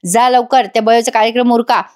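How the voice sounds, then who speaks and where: A woman voicing a scheming middle-aged man who smoothly reassures an accomplice. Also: fairly high pitch, steady tone, fairly quick, close to an everyday voice.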